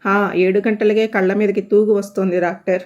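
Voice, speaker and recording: A woman's voice: medium pitch, little pitch movement, normal speed, warm tone, highs cut off, close to an everyday voice. Woman doing a bewildered, timid male patient. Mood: flustered.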